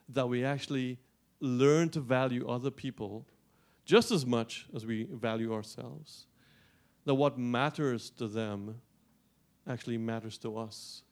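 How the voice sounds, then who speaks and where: Preaching to his congregation, this middle-aged pastor from Guyana speaks with animation at an ordinary mid-range pitch. His sermon is full of restarted phrases that build toward emphatic peaks.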